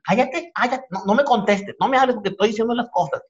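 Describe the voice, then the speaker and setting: An exasperated Mexican mother scolds in a high, rapid rant, as a man puts on her voice. Her nagging comes out quick and relentless. The audio sounds dull and lo-fi. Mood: scolding. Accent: Mexican Spanish.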